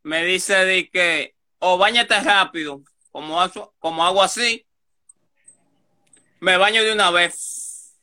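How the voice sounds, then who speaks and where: A man telling a story fast in a casual chat, acting out the quoted lines. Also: sits high, bright, forceful tone.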